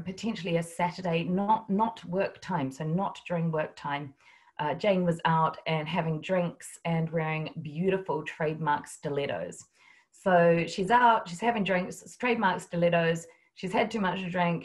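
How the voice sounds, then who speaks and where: A woman with a New Zealand accent giving a humorous talk over a video call, telling stories about workplace stigma. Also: fairly low pitch. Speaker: guest speaker. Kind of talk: webinar talk.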